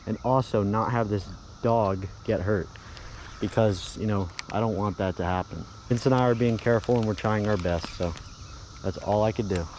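A young man vlogging while pond fishing, excitedly talking to his viewers. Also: lowish voice, slight background noise, rough recording. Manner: excited, exclamatory, talks to viewers. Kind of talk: casual outdoor fishing vlog. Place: outdoors by a pond.

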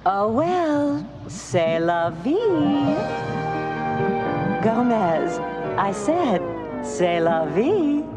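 A woman voicing Morticia, a calm, elegant gothic mother in a cartoon, speaking languidly over music. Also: a little high, heavily acted. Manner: languid, unhurried and soothing. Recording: music under the voices.

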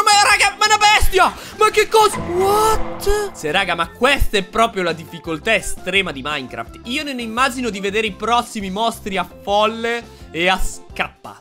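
Young man, gaming commentary, squeals of disgust, piercing bright tone, faint music behind. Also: high voice. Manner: squealing, disgusted reactions to monsters, talks to viewers. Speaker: gaming YouTuber. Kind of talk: excitable Minecraft gameplay commentary.

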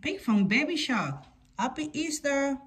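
A woman presents a children's picture book read-aloud, slipping into sing-song refrains. Her voice is high with big pitch swings and a measured pace, and heavy background noise fills the recording.

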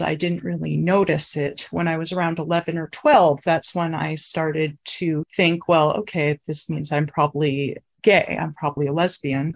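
Woman with a distorted, disguised voice. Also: deep voice. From United States. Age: late 30s. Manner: halting, with restarts and fillers. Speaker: interviewee. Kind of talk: candid personal testimony.

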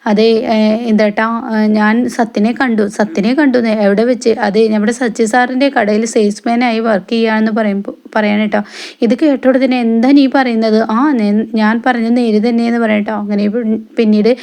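A TV serial recap vlogger, a woman, retells an episode's plot casually in a rapid, even patter. Her pitch hardly shifts as she moves between characters' lines, and she ends many sentences with little "eh" fillers and soft trailing tag words.

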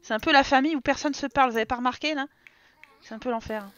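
A French woman streams a life-sim game, chatting casually as she teases her characters and reads her chat aloud. Her high-pitched voice is very fast, smooth, and a bit bright. The recording is dry, with the highs cut off.

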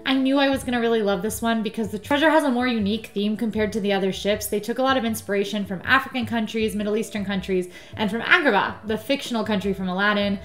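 A woman's voice: mid-range voice, quick pace, few pauses, fairly bright tone. A woman hosting a travel vlog, chatting in a bubbly, enthusiastic way with the odd "um". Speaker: vlog host. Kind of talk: casual travel vlog chat.

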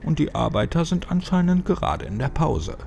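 A man's voice: on the high side, sing-song, moderate pace, vocal fry, a little mellow, voice pushed up. A man voicing a sarcastic middle-aged male police officer who talks in a dry, mocking way. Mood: sardonic. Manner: teasing, dry and sneering.

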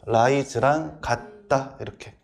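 A middle-aged male English instructor giving a classroom grammar lecture, firing quick questions at students and answering them himself. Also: medium pitch, creaky.

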